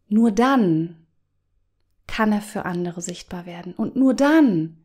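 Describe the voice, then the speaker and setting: A woman coach hosting a podcast, speaking to the listener in a gentle, guiding way, sometimes letting phrases sink to a soft whisper. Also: medium pitch. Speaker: business coach and podcast host.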